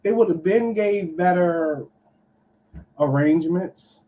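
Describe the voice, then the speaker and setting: A man's voice: high-pitched, slow. A man, a pastor calling in on a muffled line that sounds like he is in a tunnel, giving emphatic, preachy commentary and dropping in "okay" to drive his points home. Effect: muffled call-in line, as if in a tunnel. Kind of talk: call-in commentary. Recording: muffled call audio with faint hiss.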